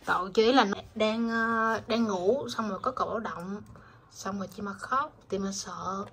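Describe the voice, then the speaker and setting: A young woman at home, gently asking her child questions in a casual home video. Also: mid-range voice, normal speed, slight background noise. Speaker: parent talking with her child.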